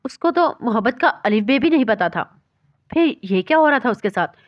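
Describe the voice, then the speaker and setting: A woman reads a romance novel aloud in a steady, even storytelling voice. Her voice sits fairly high. The recording is dry and a little dull, with no room sound. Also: no echo. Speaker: novel reader. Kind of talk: scripted narration of a romance novel.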